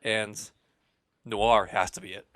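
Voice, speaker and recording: A man hosting a podcast in casual chat, relaxed and joking, sometimes hesitant. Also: lowish voice, takes it slowly, no room sound. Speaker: podcast host.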